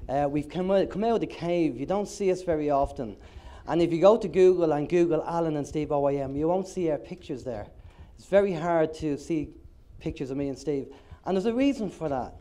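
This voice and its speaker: An Irish co-host of an internet radio show presents on stage at a conference to a live audience, chatty and joking, a little nasal from a cold. His voice is slightly high and mellow, and he talks fairly quickly.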